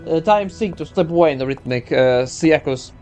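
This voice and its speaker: Man, slightly high voice, game story narration, halting delivery, music behind. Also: expressive, a little mellow. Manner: halting, stumbles over words. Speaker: reader of a game's story. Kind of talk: reading game story aloud, voicing dialogue.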